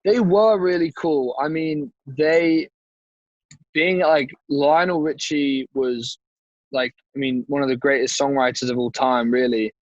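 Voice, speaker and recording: A man's voice: mid-range voice, unhurried, no echo. Guest casting: teenage male singer, modest and hesitant, heard over a dull, dry call line. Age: 10s. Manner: modest, hesitant, with restarts and fillers. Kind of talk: casual interview chat.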